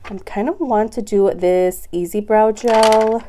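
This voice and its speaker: A woman's voice: medium pitch, fairly even intonation, a little slow, noisy background. A young woman vlogging about her makeup collection in a casual chat, her voice nasal and congested from a cold. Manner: chatty, upbeat, says "girl" and "go ahead".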